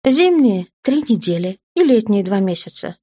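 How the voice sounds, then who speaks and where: A woman voicing a warm, emotional mother who speaks expressively. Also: mid-range voice, very animated, moderate pace, breathy edge, no echo, studio quality.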